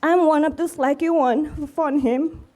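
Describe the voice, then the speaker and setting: Tender widow with a high, mellow voice. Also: female voice, fairly even intonation, normal speed. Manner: heartfelt, earnest and tender. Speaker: widow giving a eulogy. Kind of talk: memorial speech. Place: room full of mourners.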